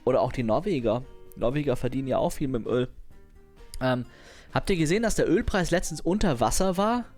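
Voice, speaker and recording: A man's voice: medium pitch, expressive, a little fast, darkish tone, soft background music. A young man chatting casually on a livestream, rambling in slangy, crude language and laughing often.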